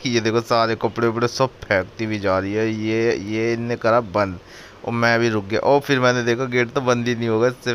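A man's voice: medium pitch, a bit bright, slight background noise. A young man chattily narrating his own prank footage in a casual voice-over. He laughs often and keeps telling viewers to look. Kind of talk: excited casual voice-over commentary.

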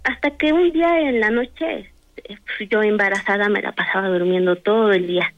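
A woman's voice: mid-range voice, normal speed, dull audio. A woman telling a personal story in a casual, hesitant way, with many fillers and restarts. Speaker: guest telling a paranormal story.

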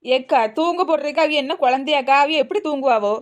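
A woman's voice: sits high, fast talker, close to an everyday voice. A woman voicing a young unmarried woman in a cartoon who complains and whines, with a Kanyakumari Tamil accent. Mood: grumbling. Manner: complaining, whiny. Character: young unmarried woman, grumbling and put-upon. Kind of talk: cartoon voice acting.

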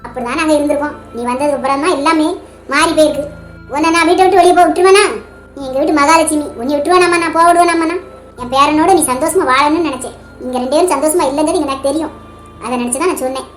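Woman playing a high-pitched old granny with a tamil nadu accent, rattling off teasing lines in a cartoon. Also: racing, faint music behind, close to an everyday voice. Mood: tearful. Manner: teasing, then tearfully apologetic. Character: affectionate teasing old grandmother. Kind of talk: cartoon voice acting.

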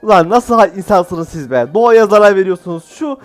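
A man's voice: high voice, brisk, soft background music. A man giving casual, jokey let's-play commentary as a gaming YouTuber, exclaiming often.

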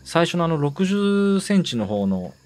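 A man giving let's-play commentary, excitable, talking to himself and repeating words in quick bursts. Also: a little high, slight background noise. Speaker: game streamer.

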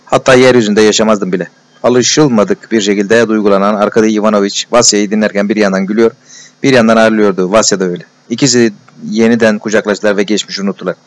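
A man reading a classic novel aloud as scripted narration, in a plain, steady manner with small restarts. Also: on the low side, fast talker. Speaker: audiobook reader.

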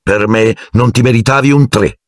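A man's voice: mid-range voice, normal speed, dry recording, studio quality, voice pushed up, natural voice. A man voicing a cold, sneering male teacher who speaks with icy, silky menace in an audiobook. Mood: icy contempt.

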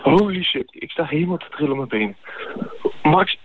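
A man's voice: a little high, lively intonation, fairly quick, no room sound. A young Dutch man on a phone call, swearing, stammering and repeating threats while shaking with anger. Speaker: prank call victim. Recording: tinny phone line.

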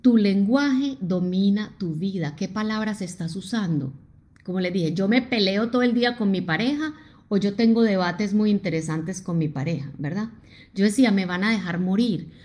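Animated Colombian woman giving a motivational talk. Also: medium pitch, moderate pace. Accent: Colombian Spanish. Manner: animated and emphatic, reads out viewer comments and talks to them directly. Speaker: motivational speaker hosting a live stream. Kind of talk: live-streamed motivational talk.

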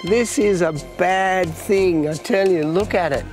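A man's voice: high-pitched, unhurried, soft background music. A man in his fifties with an Australian accent, presenting a wildlife documentary outdoors in a dramatic, emphatic, marvelling manner. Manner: dramatic, emphatic, marvelling, often breaking off to address the animal. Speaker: wildlife show host.

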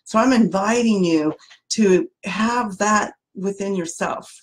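A woman's voice: mid-range voice, slow, slight background noise. A middle-aged woman life coach giving an earnest motivational talk, often restarting sentences as she searches for words.

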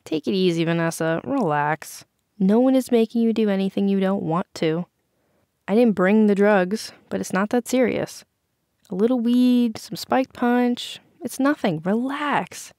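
A woman's voice: mid-range voice, normal speed, warm tone, no room sound, clean studio sound, lightly acted. A woman voicing a laid-back teenage boy who hosts a party and talks in an easygoing, dismissive way.

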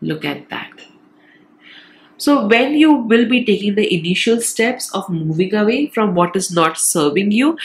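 A woman's voice: lowish voice, slight background noise, low-quality recording. A woman with a nasal, congested voice from a cold, giving a casual tarot reading to viewers and often checking in with short tags. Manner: reassuring check-in tags like "all right", "okay". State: has a cold. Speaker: tarot reader, channel host. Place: indoors, at a decorated tabletop.

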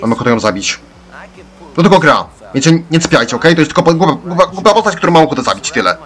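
A man commentating over a video game playthrough. He rants excitably and shouts at the characters on screen. His voice sits slightly high. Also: quick pace. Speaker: let's play gamer. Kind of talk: gameplay commentary.

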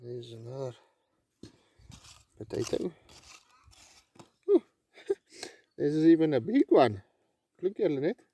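A man's voice: fairly high pitch, takes it slowly, long pauses, slight background noise. Man digging in a garden, talking. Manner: relaxed, commenting while digging. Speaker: homestead vlogger. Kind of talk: casual garden narration. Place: outdoor vegetable garden.

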